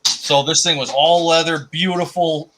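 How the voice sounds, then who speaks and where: A man with a fairly high, bright voice hosts a casual talk. He tells stories with energy and laughs at his own mishaps. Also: measured pace, slight background noise, poor audio. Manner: animated storyteller, laughs at himself. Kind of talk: casual chat.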